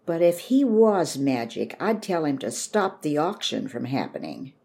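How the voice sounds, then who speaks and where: A woman's voice: low-pitched, very animated, unhurried, vocal fry, warm tone, heavily acted. A woman reading an upset stubborn young girl. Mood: plaintive. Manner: earnest and plaintive.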